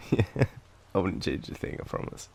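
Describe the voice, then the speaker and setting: A young Australian man with a cold coughs now and then as he murmurs softly and teasingly in an intimate boyfriend roleplay. His delivery is a bit slow, drowsy and playful.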